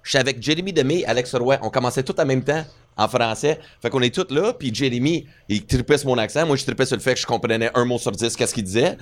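Animated swearing male comedian storyteller. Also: medium pitch, quick pace, hardly any pauses. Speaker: stand-up comedian. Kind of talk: casual podcast chat.

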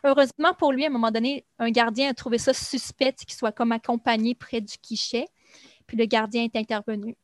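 A young woman, a guest recounting her life in Brazil, chats easily in casual conversation, often pausing on small fillers as she explains. Her voice sits a little high with a steady tone, and she talks a little fast. The recording is close and dry, with no room sound or echo.

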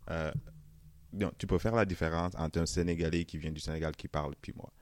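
A young man's deep, very low voice comes through brisk and dry, with no echo, as he answers questions in a casual interview. His French carries a Senegalese accent softened by Canadian French, and he laughs often, chatting loosely with casual fillers.

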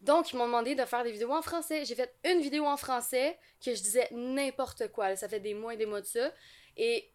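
A woman from Quebec speaks with a Québécois accent as an easygoing, chatty podcast guest. Her voice is a little high, and she laughs often. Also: a little fast. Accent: Québécois French. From Quebec, Canada. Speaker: ASMR YouTuber guest. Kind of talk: casual interview chat.

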